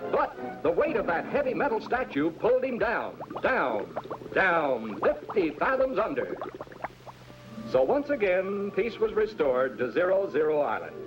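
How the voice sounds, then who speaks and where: High, swooping vintage cartoon narrator. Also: male voice. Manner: dramatic, theatrical storytelling. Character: earnest, dramatic male storyteller of a children's space cartoon. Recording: dull vintage cartoon soundtrack with music.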